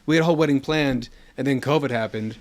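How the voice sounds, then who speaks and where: A man, chatting casually as a podcast co-host. His voice sits in an ordinary middle pitch, and he rambles along, restarting his sentences as he goes. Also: fast talker. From New York. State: holding a newborn. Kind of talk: casual chat.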